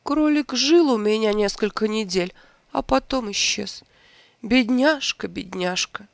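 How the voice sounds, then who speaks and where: A reader voicing an old, sentimental court wizard in a storybook tale, speaking gently with a gravelly edge. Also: mid-range voice, measured pace, dry recording. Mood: reminiscing.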